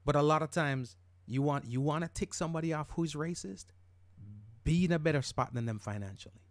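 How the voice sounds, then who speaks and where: A man's voice: fairly high pitch, fairly quick, dry recording. A middle-aged man from Jamaica hosting a podcast, talking in an emphatic, casual monologue and repeating words when worked up. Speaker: podcast host.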